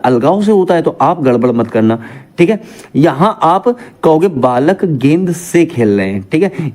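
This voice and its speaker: Male teacher, exam-prep class, slightly high mellow voice, quizzes his students and answers himself. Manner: repeats questions to students and answers them himself.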